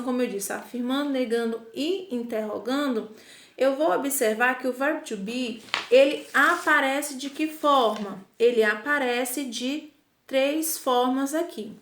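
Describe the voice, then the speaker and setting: High-voiced teacher, patient and echoey. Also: female voice, fairly bright tone. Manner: patient, slow and deliberate, repeats "tá?" and "ok?" checks; slows down to pronounce English examples carefully. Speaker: primary school English teacher. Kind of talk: recorded online English lesson for children.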